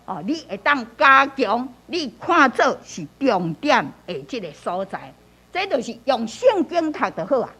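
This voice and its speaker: A woman leads a church Bible-reading lesson in a high, bright-pitched voice. Her pitch swings widely as she teaches. She repeats phrases, tags many lines with a soft "hoh", and leans hard on key words when reading verses aloud. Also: big pitch swings, measured pace, slightly rough. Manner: repetitive, peppers speech with "hoh"; reads scripture aloud with emphasis.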